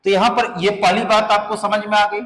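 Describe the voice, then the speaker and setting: A man's voice: high-pitched, level tone, fairly quick, a bit bright. A man teaching a maths lesson who explains step by step and keeps asking the class rhetorical questions, mixing into his talk. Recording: echoey room.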